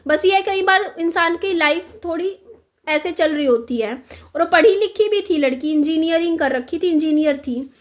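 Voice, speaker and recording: A woman's voice: extremely high pitch, normal speed. A woman vlogger telling a neighborhood story in a casual, chatty way, repeating herself and acting out the quoted dialogue.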